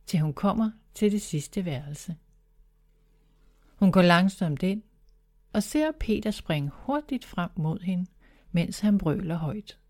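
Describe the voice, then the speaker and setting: Woman narrator for a children's story, calm and clear, mellow voice. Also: on the low side.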